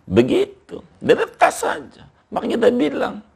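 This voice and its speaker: An older man, an Islamic scholar, explaining at length in a relaxed interview and reciting Arabic text aloud. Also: extremely high pitch, normal speed, gravelly.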